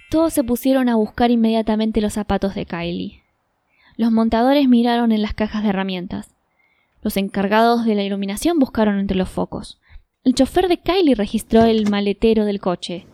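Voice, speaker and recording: A woman narrating a children's story in a gentle, measured way. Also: medium pitch.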